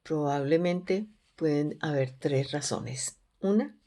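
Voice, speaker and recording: A woman with a notably low, deep voice leads a Bible study. She speaks in an earnest, measured way and keeps turning questions back to her listeners. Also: dark tone.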